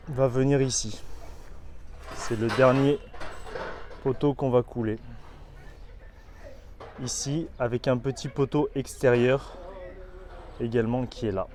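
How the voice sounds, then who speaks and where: Mellow-voiced man touring a building site. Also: medium pitch. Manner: informal, explanatory, with hesitant fillers. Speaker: construction company guide. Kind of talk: on-site walkthrough narration.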